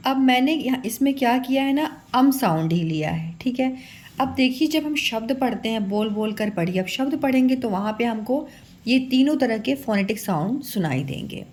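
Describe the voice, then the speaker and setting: A woman's voice: fairly high pitch, lively intonation, moderate pace, a little mellow. A woman teaching children a phonics lesson, patiently sounding out each syllable and calling her pupils "beta".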